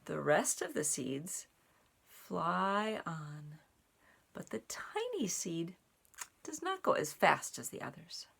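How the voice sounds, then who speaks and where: A woman reading a children's picture book aloud, phrasing it deliberately in short pieces with animated emphasis. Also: on the low side, gravelly, slightly rough. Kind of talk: expressive read-aloud for young children.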